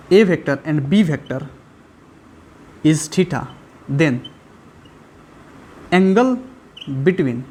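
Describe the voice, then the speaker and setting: A man teaching a physics lesson in a chatty, colloquial way, often pausing to ask whether the students follow. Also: a little high, slight background noise. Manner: repeats checks for understanding, chatty and colloquial. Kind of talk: classroom lecture at a whiteboard.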